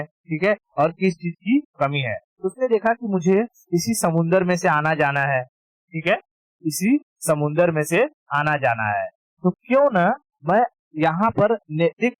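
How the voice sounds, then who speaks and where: Male tutor, slightly high voice, dry close sound, informal and repetitive, drills key terms. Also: no echo, poor audio. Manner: informal, repeats key terms and checks understanding. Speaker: history teacher. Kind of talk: casual exam-prep lecture.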